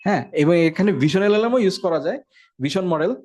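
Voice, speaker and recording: A man's voice: sits high, darkish tone. A man teaching a casual tech lecture, talking in a conversational way and often checking in with his listeners. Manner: fast, conversational, frequent check-ins. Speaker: instructor.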